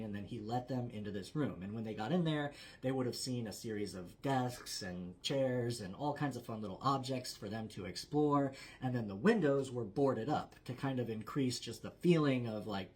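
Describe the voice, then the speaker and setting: A male storyteller and host tells a true story in a medium-pitched voice, as though seated around a campfire. He keeps his language conversational but presses on key phrases for dramatic effect.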